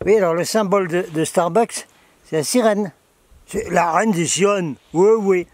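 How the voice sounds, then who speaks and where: A man's voice: high voice, normal speed, dry recording. A man hosting his own video in a casual, sarcastic, rambling monologue, chatting with his camera operator. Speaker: video host.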